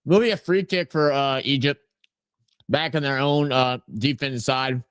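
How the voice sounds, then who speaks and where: A man hosting a live watch-along of a soccer match, giving casual play-by-play and reading out chat messages in a relaxed, rambling way. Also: medium pitch, unhurried, smooth, no room sound, studio quality.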